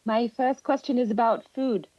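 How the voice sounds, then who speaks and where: A woman's voice: a little high, fairly even intonation, moderate pace, no room sound, muffled recording. A woman interviewer putting prepared questions in a conversational way.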